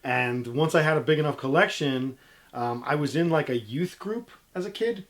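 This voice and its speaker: A man's voice: a little high, animated, moderate pace, fairly bright tone. A middle-aged man chatting casually as an interview guest, telling stories in a jokey, self-deprecating way. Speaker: interview guest, DJ and music history video maker.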